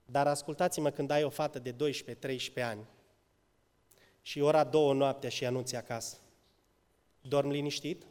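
A man preaching a sermon to a congregation, swinging between loud exclamations and quiet asides. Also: medium pitch, steady tone, long pauses, clean tone. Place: church. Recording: church hall with long reverb.

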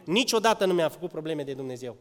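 A man preaching a sermon to a congregation, swinging between loud exclamations and quiet asides. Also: fairly high pitch, expressive. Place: church. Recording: church hall with long reverb.

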